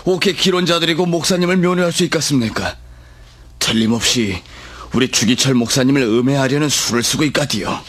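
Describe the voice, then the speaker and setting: Indignant church elder, Pyongan accent, very rough husky voice, insistent, radio-drama delivery, dry sound. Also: male voice, medium pitch, a little fast, a bit bright, dry recording. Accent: North Korean Pyongan. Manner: insistent, agitated, emphatic. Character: suspicious, indignant, fervent male church elder in colonial Korea.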